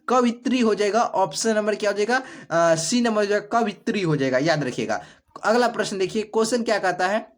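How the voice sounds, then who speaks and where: High-voiced man drilling exam answers. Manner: repetitive question-and-answer drilling, many fillers. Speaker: exam prep teacher. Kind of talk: exam question walkthrough.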